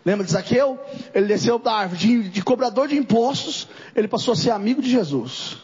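A man's voice: sits high, animated, fairly quick, a little mellow, breathy edge, in a large hall, muffled recording. A Brazilian man preaching an impassioned sermon, often putting questions straight to his congregation. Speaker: apostle preaching. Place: church service.

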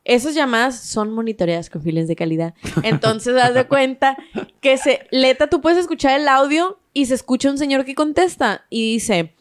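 A woman's voice: sits high, normal speed, no echo, clean studio sound. A Mexican woman co-hosting a comedy podcast, telling a story in casual chat and laughing often. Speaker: podcast co-host.

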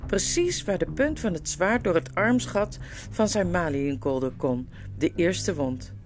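A woman's voice: lowish voice, lively intonation, measured pace, faint music behind. A woman voicing an anxious, eager young prince in a storybook reading.

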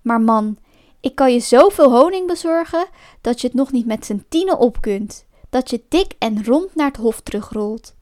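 A woman's voice: on the high side, lively intonation, moderate pace, a little mellow, natural voice. A woman voicing a cunning male fox in a storybook, sweet-talking and mocking under a show of friendliness. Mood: sly.

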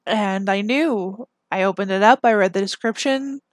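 A woman's voice: medium pitch, moderate pace, no room sound, studio quality. A young woman hosting a podcast, telling a personal story in a chatty, self-deprecating way that turns emotional at times. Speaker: podcast host. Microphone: camera mic.

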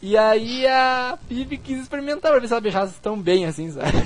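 High-voiced man, lively. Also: normal speed. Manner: animated storytelling, acts out scenes. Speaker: podcast host. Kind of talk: casual chat.

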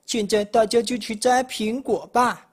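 A man voicing a bossy, fickle wolf in a storybook reading, booming and excitable. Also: a little slow, slightly rough. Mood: excited. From Malaysia.

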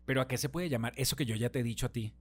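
A man's voice: medium pitch, very fast, husky. A man with a Venezuelan accent chatting casually as host, teasing his guest playfully and mimicking voices. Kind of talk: casual chat.

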